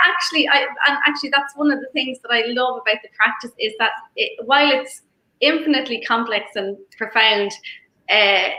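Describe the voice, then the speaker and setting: Bright-voiced woman in echoey room. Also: a little high. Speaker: yoga teacher, interview guest. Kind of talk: reflective conversational interview. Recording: roomy, echoey sound.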